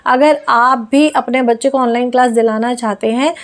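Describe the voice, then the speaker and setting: High-voiced woman teaching phonics. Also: fairly even intonation, moderate pace. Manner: patient, spells out each sound then blends the word. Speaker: online English reading teacher. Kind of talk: slow phonics lesson, sounding out letters.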